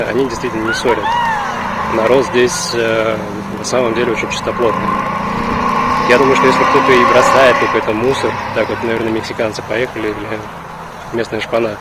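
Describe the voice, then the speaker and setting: Male vlogger, mid-pitched and fairly monotone, halting and reflective, outdoors with heavy wind hitting the mic. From Russia. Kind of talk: casual rambling outdoor vlog. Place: outdoors in a park. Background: wind and outdoor ambience.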